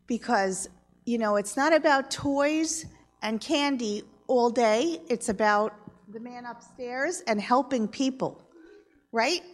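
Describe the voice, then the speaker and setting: Woman, high voice, Sunday school teacher manner, informal children's message, prompting questions. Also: takes it slowly. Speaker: children's message leader in church.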